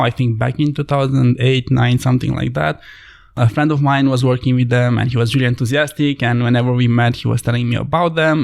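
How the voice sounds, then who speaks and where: A man's voice: medium pitch, creaky. A man from Romania, a podcast guest telling his story thoughtfully in slightly phrasing. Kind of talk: conversational podcast interview.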